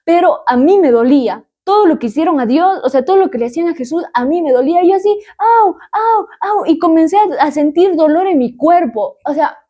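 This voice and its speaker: A woman's voice: high voice, animated, fast talker, few pauses, mellow, muffled recording. A young adult woman hosting a talk show, telling a personal story in an emphatic, repetitive way and acting out the sounds and cries she describes. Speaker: podcast host.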